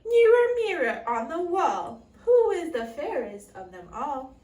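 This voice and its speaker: A woman's voice: high-pitched, sing-song, a little slow, a little mellow, lo-fi sound. A woman voicing a vain, jealous, imperious evil queen from a storybook. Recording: echoey room, distant mic, faint noise.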